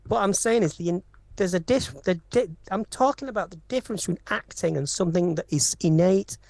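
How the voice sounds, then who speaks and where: A woman's voice: on the low side, fairly quick, creaky, a little mellow, dry recording. Emphatic opinionated woman. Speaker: podcast co-host. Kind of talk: live casual chat.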